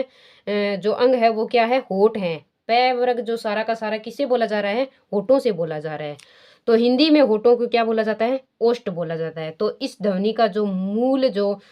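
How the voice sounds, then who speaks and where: A woman's voice: a little high, a little mellow. Woman teacher quizzing and answering herself. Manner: asks questions and answers them herself, repeating key terms; draws out sounds slowly to demonstrate pronunciation. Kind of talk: classroom grammar lesson.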